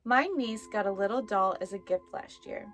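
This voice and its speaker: A woman's voice: mid-range voice, moderate pace, background noise. A woman hosting a casual, chatty video where she reads stories and talks playfully to viewers and the things around her. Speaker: host of a haunted doll story video. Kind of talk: casual chatty vlog with story reading.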